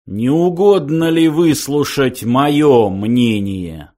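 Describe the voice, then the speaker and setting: A man voicing a slow, solemn male supercomputer, giving weighty, measured replies. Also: medium pitch, expressive, breathy edge, heavily acted.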